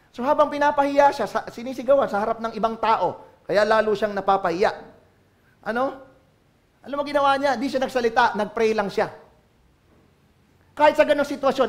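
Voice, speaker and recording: High-voiced Filipino pastor preaching. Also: male voice. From Philippines. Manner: preaching in mixed Tagalog and English, swinging from hushed to loud and emphatic. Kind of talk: sermon. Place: church.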